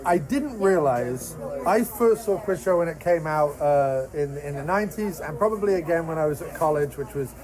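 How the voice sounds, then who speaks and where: A man with a slightly high voice chats casually in a diner. He is talkative and agreeable, with a clear bustle of other customers around him. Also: lively intonation, normal speed, hardly any pauses, rough recording. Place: inside a busy diner. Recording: busy diner chatter behind the voice. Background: crowd chatter.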